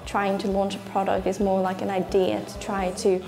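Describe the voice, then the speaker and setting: A woman's voice: medium pitch, completely flat delivery, normal speed, creaky, music in the background. A young female advertising student from Sweden, speaking thoughtfully in an interview. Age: young adult. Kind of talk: casual interview.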